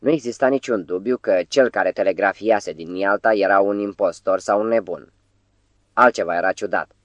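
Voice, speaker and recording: Low-voiced man narrating an audiobook. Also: no room sound.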